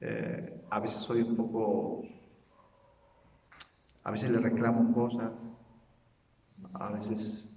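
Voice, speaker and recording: A man's voice: on the low side, completely flat delivery, very slow, pauses often, warm tone, highs cut off, a little hiss or hum. A man preaching a sermon as pastor, conversational and jokey, acting out prayers in his own words. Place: church hall. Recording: roomy, echoey church hall from a distance.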